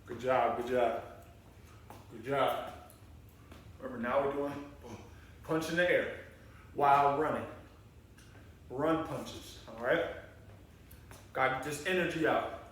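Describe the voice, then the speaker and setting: A male elementary P.E. teacher talks slowly and keeps up a steady stream of encouragement, calling himself by name as he coaches children through a workout. His voice sits in the middle range. It sounds strongly echoey and a bit distant from the mic, with faint room noise behind it. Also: medium pitch. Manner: encouraging, refers to himself in third person. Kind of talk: leading a video workout class. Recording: roomy echo, voice from a distance.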